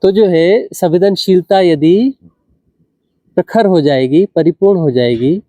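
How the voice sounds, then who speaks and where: A man gives a spiritual discourse in a fairly high but mellow voice. He talks unhurriedly, circling back to his phrases and asking rhetorical questions. The sound is dry and close, with no room around it. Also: measured pace, no room sound. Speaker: spiritual teacher.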